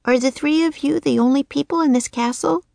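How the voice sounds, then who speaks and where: A woman's voice: high-pitched, brisk, creaky, dark tone, no echo, voice pushed up. A woman voicing a curious young girl asking a question.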